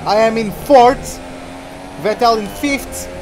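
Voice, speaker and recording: A man's voice: extremely high pitch, takes it slowly, over music. A man giving casual live commentary as they play a racing video game. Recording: loud engine noise behind voice. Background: racing game car engines.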